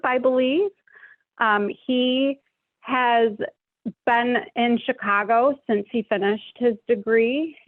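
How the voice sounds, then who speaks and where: A woman's voice: a little high, no echo. A woman speaking as a program assistant in a webinar, friendly and informal. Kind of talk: webinar presentation. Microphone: video call. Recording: dry phone-like audio.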